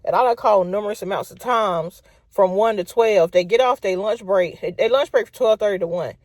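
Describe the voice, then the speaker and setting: A woman telling a casual storytime and venting in an animated, exclaiming way. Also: mid-range voice, brisk, dry recording.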